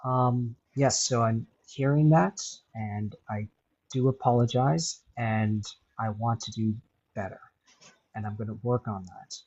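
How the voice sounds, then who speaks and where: A panelist answers hesitantly and apologetically. The voice is husky with a gravelly fry. The audio is muffled and lo-fi. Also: mid-range voice, fairly even intonation, unhurried, darkish tone.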